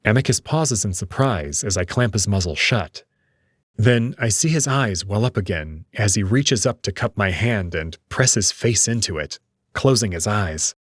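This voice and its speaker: A man reading a visual novel aloud in first person, telling it expressively over soft background music. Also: lowish voice, moderate pace, no room sound, clean studio sound. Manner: expressive storytelling. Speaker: narrator. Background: soft instrumental music.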